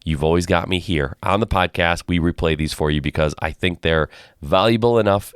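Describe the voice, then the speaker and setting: A podcast host who is under the weather chats energetically through a casual live Q&A, often repeating phrases. His voice is deep, deeper than usual because he's unwell, with a clean tone and clean studio sound free of echo.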